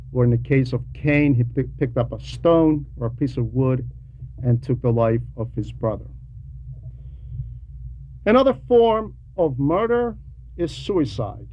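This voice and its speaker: In a dull, lo-fi clip with faint background noise, a male religious teacher reads a translated homily aloud to a class. His medium-pitched voice is a little mellow, and he teaches in a measured, didactic way, breaking his speech into short phrases, repeating words to stress them, and asking rhetorical questions.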